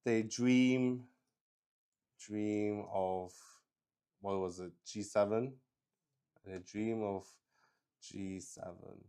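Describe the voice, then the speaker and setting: A man runs a solo roleplaying game, narrating casually while he improvises, halting, repeating himself and swearing mildly with excitement. His voice is medium-pitched and smooth.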